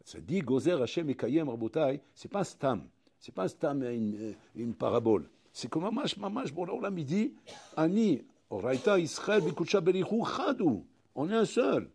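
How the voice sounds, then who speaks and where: A man, a rabbi, giving a recorded Torah lesson in an animated, direct way, speaking straight to his listeners and acting out little dialogues. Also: on the high side, normal speed, vocal fry, breathy edge. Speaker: rabbi teaching a Torah class.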